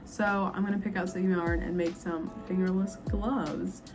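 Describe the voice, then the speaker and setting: A woman's voice: lowish voice, little pitch movement, unhurried, music in the background. A young woman chatting casually in a vlog, self-doubting and full of ums, her voice a little worn. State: slightly losing her voice. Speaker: crochet vlogger.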